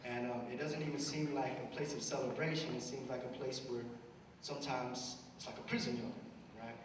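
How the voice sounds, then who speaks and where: A man in his thirties, originally from Cambodia, tells a personal story to young people. He speaks earnestly, often asks "right?", and builds to loud, urgent appeals. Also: medium pitch, steady tone, fairly quick. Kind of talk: personal story and motivational talk. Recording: echoey hall, distant mic, background noise.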